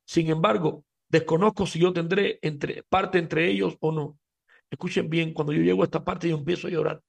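A man's voice: a little high, fairly even intonation, moderate pace, creaky, husky. A man giving a Talmud class lecture as a religious teacher, emphatic, speaking straight to his listeners and often stumbling over repeated words.

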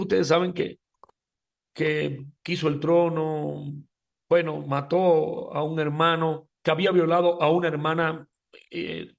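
A religious teacher lectures in a Talmud class, speaking emphatically and directly to his listeners while often stumbling over repeated words. His voice is fairly high in pitch with noticeable vocal fry.

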